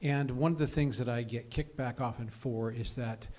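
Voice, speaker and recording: Man, congregation teacher; mid-pitched, reflective, builds emphasis on scripture. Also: fairly even intonation, moderate pace, a little mellow. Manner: thoughtful, reasons aloud with many "uh"s; reads scripture aloud with rising emphasis. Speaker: congregation teacher leading Bible study. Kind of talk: group Bible study discussion.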